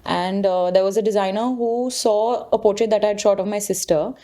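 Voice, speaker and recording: A woman's voice: medium pitch, fairly even intonation, brisk, dark tone. Indian-accented woman, casual photographer chat. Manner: informal, mixes in Hindi words. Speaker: photographer being interviewed. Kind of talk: casual conversation.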